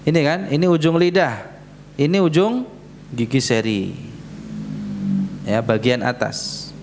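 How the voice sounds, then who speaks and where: A man's voice: mid-range voice, lively intonation, a little slow, a little mellow, slight background noise. A man teaching Quran recitation in a mosque, patiently repeating letter sounds so his students can copy them. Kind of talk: tajweed lesson in a mosque. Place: prayer hall of a mosque.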